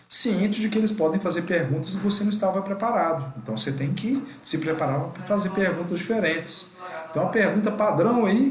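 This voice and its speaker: A man's voice: fairly high pitch, reverberant. Brazilian man teaching an online class. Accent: Brazilian Portuguese. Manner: didactic, addresses students as "gente".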